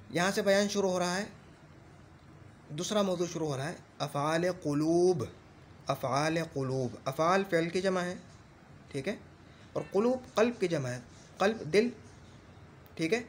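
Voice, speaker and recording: Patient male grammar teacher, higher voice. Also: slight background noise. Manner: recites rule lists slowly and repeats them; explains patiently with frequent check-ins. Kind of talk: classroom grammar lesson.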